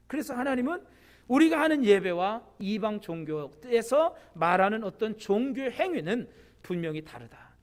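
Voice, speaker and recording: A male pastor preaching a midweek sermon, explaining scripture and asking the congregation rhetorical questions. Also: extremely high pitch. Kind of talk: sermon at a midweek church service.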